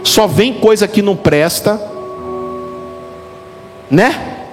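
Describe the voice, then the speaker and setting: Middle-aged pastor, preaching and joking with the crowd, faint music behind, big echoey church. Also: male voice, high voice, drawn-out words. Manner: joking, animated, talks straight to the congregation. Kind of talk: lively sermon. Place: church hall. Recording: reverberant hall with faint music.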